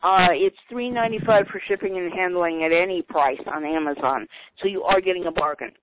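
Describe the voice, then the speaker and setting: A woman author talks through her journaling book in a chatty, unhurried way, thinking aloud as she goes. She comes through a thin, tinny phone line with noise hissing under her voice. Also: fairly low pitch. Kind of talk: casual talk on a phone call. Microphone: telephone.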